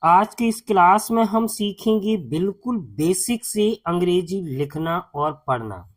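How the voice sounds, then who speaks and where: A man teaching as a tutor in a slow classroom-style lesson, patiently repeating each sound and spelling step by step. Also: high-pitched, animated.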